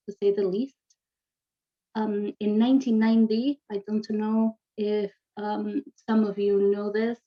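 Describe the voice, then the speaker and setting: Chatty woman teacher in her forties, native Spanish speaker from Argentina, slightly muffled lo-fi recording. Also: medium pitch. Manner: chatty, loose, many fillers and asides. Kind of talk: casual recorded class presentation.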